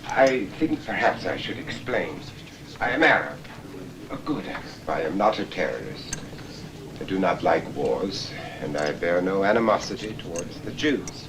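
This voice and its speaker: Deep-voiced formal doctor. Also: male voice, expressive, normal speed. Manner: formal, precise, explaining. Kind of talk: film acting. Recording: film soundtrack with background noise.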